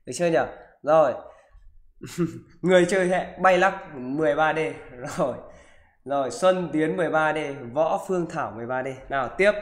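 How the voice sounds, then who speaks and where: A man teaching physics, talking students through exam questions in a live online class and checking in with them after almost every sentence. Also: a little high. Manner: keeps asking "được chưa?" and "đúng không?".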